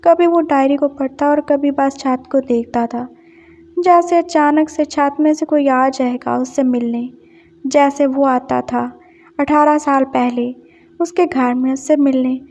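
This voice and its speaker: A woman narrating an emotional story softly, with a Pakistani Urdu accent. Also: high-pitched, fairly even intonation, measured pace. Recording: dull lo-fi sound.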